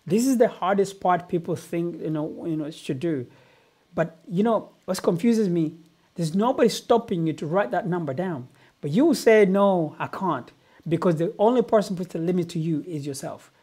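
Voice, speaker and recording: A man's voice: sits high, lively intonation, normal speed, a little mellow, breathy edge. A middle-aged man from Uganda giving a motivational business talk, telling his life story earnestly and often repeating words. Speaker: business coach.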